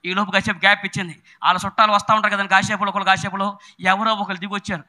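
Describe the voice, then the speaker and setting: A middle-aged male preacher, delivering a sermon with sudden shouted bursts and chatty storytelling. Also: high-pitched, level tone, very fast.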